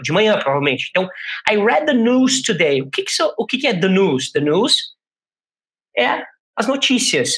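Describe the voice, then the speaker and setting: A man with a Brazilian Portuguese accent teaching English in a chatty classroom style, slowly repeating English phrases and checking in with "né?". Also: sits high, sing-song, a bit bright. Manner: chatty, frequent "né?" check-ins. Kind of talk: casual classroom explanation.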